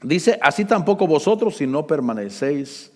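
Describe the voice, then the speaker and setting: A man preaching a sermon, calling out scripture loudly, dropping to low asides and asking the congregation to repeat after him. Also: sing-song, moderate pace, in a large hall. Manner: fervent, swings between loud scripture reading and low asides; call-and-response with the congregation.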